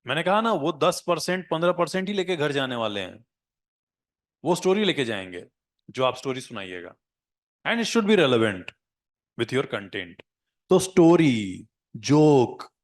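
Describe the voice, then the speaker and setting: A man teaching a live class, mixing Hindi with English phrases and often checking in with the students. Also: mid-range voice. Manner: coaching, asks "है ना?" to check in.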